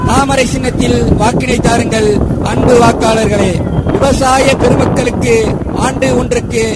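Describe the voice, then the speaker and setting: A man with a very high, flat voice reads out a formal campaign appeal to voters. He declaims each line in a steady, announcing manner. Heavy noise sits under the whole recording.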